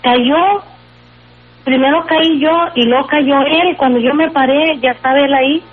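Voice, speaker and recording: A woman's voice: high-pitched, steady tone. Earnest woman on a phone line. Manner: earnest, halting storytelling with frequent fillers. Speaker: guest sharing a faith testimony. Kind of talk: personal testimony on call-in radio. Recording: tinny phone line with faint music.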